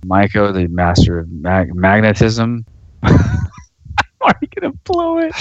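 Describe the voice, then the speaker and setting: A man co-hosting a podcast in a relaxed, wry way, quick to laugh. His voice sits lowish but moves with lively inflection. The recording is dry and somewhat dull. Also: no echo. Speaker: podcast co-host. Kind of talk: casual chat.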